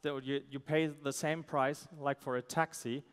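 A man, a startup founder giving a halting, pitch on a conference stage. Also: fairly even intonation, clear, resonant tone. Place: stage in a large event hall. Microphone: headset. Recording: amplified voice in large reverberant hall.

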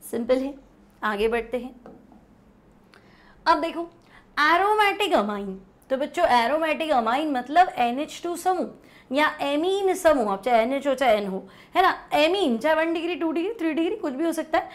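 High-voiced woman teaching chemistry. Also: animated. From India. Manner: explains step by step, repeats terms slowly, asks and answers herself. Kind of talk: classroom lesson on the board.

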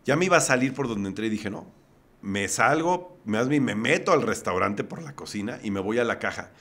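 A man's voice: lowish voice, animated, fairly quick, fairly bright tone. A man from Puebla with a Mexican accent, a podcast guest vividly recounting a personal story step by step.

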